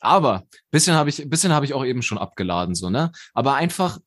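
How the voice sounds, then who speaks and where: A young man chatting casually as a podcast co-host, loose and slangy, swearing freely and rambling from one thought to the next. His voice sits at an ordinary middle pitch and sounds dry and close. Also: very animated, quick pace, no room sound. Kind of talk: casual chat.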